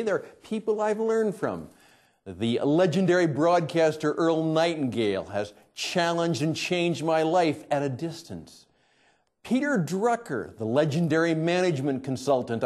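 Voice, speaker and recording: A middle-aged man hosting a show from a studio floor, talking emphatically, swinging between loud and hushed lines. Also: a little high. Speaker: host. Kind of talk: energetic presenting to camera.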